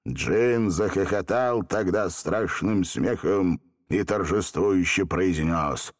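A man narrating a children's storybook in an expressive, dramatic way. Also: deep voice, takes it slowly.

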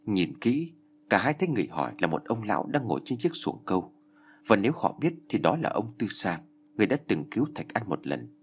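A man narrating a dramatic ghost story in an expressive, animated reading. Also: lowish voice, fairly quick, a little hiss or hum.

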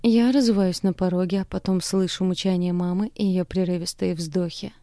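A woman reads a first-person audiobook in a steady, measured voice. Her tone is low and dark, mellow rather than bright. The sound is close-miked and dry. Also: dry recording. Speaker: audiobook narrator.

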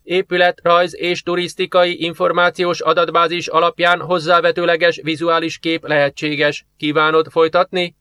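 A man voicing an emotionless ship computer that answers in flat, clipped phrases. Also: fairly high pitch, hardly any pauses, smooth, pitched above the performer's own voice.

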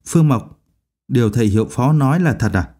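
A man's voice: mid-range voice, lively intonation, brisk, mellow, lightly acted. A man voicing a nosy young classmate firing eager questions.

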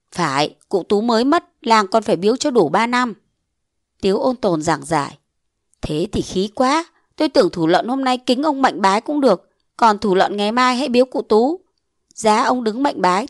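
Woman narrating a lively village audiobook. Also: dry recording, clean studio sound. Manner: voices shouting villagers with rising pitch. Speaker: audiobook reader.

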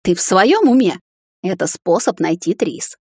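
A woman's voice: lowish voice, sing-song, measured pace, a little mellow, slightly rough, no room sound, studio quality, exaggerated voice. A woman doing a cheeky, nervous young prince. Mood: tense. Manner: hissing, sarcastic.

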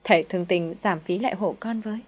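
A woman's voice: mid-range voice, quick pace, close to an everyday voice. A woman voicing a poor, humble old mother who pleads tearfully. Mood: desperate.

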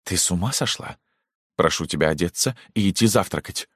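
A man's voice: on the low side, big pitch swings, normal speed, husky, dry recording, studio quality, voice pushed up. Man voicing a proud, hot-tempered mother. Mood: stunned. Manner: sharp, indignant, shaky.

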